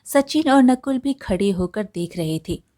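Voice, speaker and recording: A woman narrating a moral folk story in a measured, scripted storytelling style. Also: mid-range voice, expressive, mellow.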